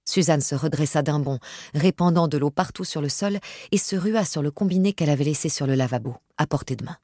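A woman narrating an audiobook in a measured, steady reading voice with a husky grain. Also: low voice, no echo, studio quality.

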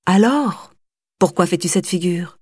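A woman voicing a stern, snobbish mother who scolds her daughter sharply and loudly. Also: fairly low pitch, lively intonation, measured pace, breathy edge, no room sound, studio quality. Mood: cold menace.

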